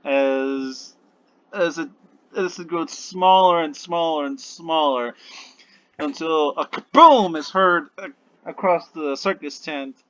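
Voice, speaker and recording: A man narrating as game master of a tabletop game in an animated, expressive way, over muffled lo-fi audio. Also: on the high side.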